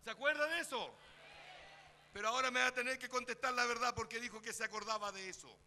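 A man with a Chilean accent preaching a fervent sermon in a church, calling out to the congregation and rising to shouts. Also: very high-pitched, fast talker, big-room sound, slight background noise. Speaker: pastor. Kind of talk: Spanish-language sermon. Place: church sanctuary.

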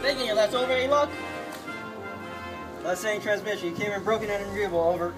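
A man talks over a two-way military radio in a high voice, giving short, clipped procedure calls. Music plays clearly in the background. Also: quick pace. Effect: talking over a two-way military radio. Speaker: soldier doing a radio check. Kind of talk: comedy skit.

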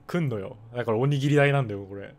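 A man with a hoarse voice, chatting casually while live-streaming a game and thanking viewers for donations. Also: medium pitch, very fast.

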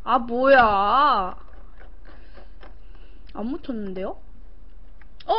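A young woman with a high voice chats unhurriedly to her livestream viewers. She talks while eating and gets playful and singsong with them. The audio is slightly dull and lo-fi, as from a home stream. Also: very slow. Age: young adult. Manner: talks while eating, with short murmurs between phrases. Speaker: live-stream eating show host. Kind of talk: casual live-stream chat with viewers. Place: small room indoors.

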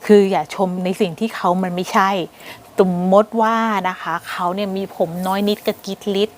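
A woman's voice: medium pitch, steady tone, normal speed, slight background noise. A middle-aged woman from Thailand giving casual relationship advice on her vlog, chatting and acting out sample lines. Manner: chatty, acts out sample compliments in a lilting voice.

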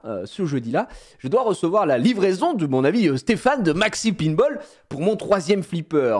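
A man telling a story casually to his viewers, in an animated, slangy way, often laughing at himself. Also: a little high. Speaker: streamer.

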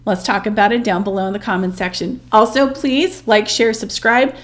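A woman storyteller reading a legend aloud at an even, measured pace. She later drops into relaxed, informal vlog chat with fillers and asides to her viewers. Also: mid-range voice. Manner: steady reading, then chatty and informal. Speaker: storyteller and channel host. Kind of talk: myth read-aloud, then casual vlog chat.

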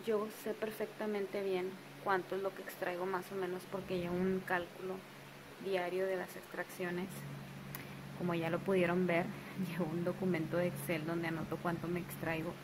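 A woman's voice: fairly low pitch, moderate pace. A woman, a new mother chatting casually in her bedroom, repeating her phrases and cooing affectionately. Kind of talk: casual home vlog. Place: bedroom at home. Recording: home video with steady background noise.

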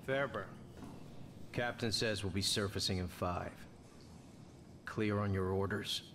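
An actor playing a blunt commando officer giving orders before a raid in a video game. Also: male voice, fairly low pitch, fairly even intonation, measured pace, noisy background. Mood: commanding. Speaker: game character.

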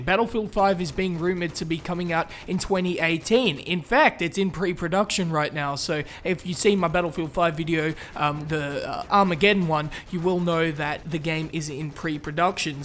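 Young Aussie YouTuber, higher-pitched man, chatty and upbeat, answering viewer questions casually. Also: fairly bright tone, a little hiss or hum. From Australia. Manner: chatty and upbeat, with fillers and restarts. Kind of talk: casual Q&A vlog.

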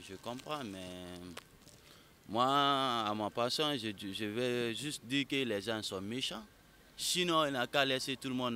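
Young passerby, bright and forceful voice, impassioned, faint outdoor noise. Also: male voice, medium pitch. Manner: outspoken, impassioned. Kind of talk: street interview. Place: outdoors on a city square. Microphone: handheld mic held by interviewer.

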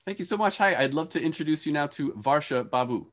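A professor in his forties hosts and moderates an online panel over a video call from an indoor room with shelves. His mid-range voice sits a little high, with lively intonation and a fast pace. He introduces the speakers hesitantly, repeating words.

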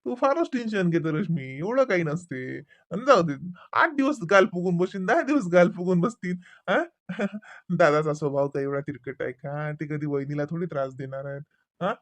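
A man's voice: sits high, lively intonation, normal speed, no room sound. A man plays an easygoing husband in a domestic comedy skit. He waves off worries in a soothing, dismissive tone, and his voice sounds dry and close to the mic. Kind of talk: scripted domestic comedy dialogue.

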